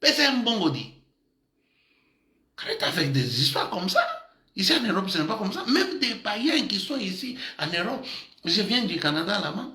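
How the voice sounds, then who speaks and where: Lively preacher guy, bright forceful voice, echoey church sound. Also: high-pitched, normal speed. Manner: lively, mixes in Lingala and Tshiluba words, laughs often. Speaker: pastor. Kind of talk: animated sermon. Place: church in Madrid.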